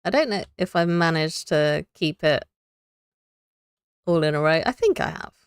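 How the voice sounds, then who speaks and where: A woman's voice: deep voice, lively intonation, normal speed, smooth, no echo, clean studio sound. A young woman streaming a building game, chatting to viewers and thinking aloud as she builds, laughing often. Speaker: Minecraft streamer. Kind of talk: casual live gameplay chat.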